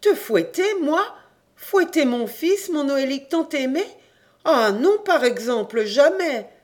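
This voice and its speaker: An audiobook reader voicing a grieving mother who speaks in a high, strained, imploring voice. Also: flat delivery, moderate pace, darkish tone, natural voice. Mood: aghast pleading. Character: grieving old Breton mother, pleading.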